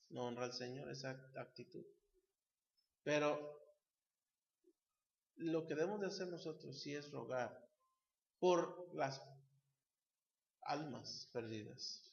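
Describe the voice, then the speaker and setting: A man's voice: on the high side, creaky. A man preaching a sermon, emphatic and asking the congregation questions. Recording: roomy, slightly dull church recording.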